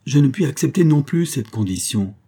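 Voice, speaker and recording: A man's voice: lowish voice, normal speed, dark tone, slightly rough. A man playing a proud, indignant young abbé. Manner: firm, indignant.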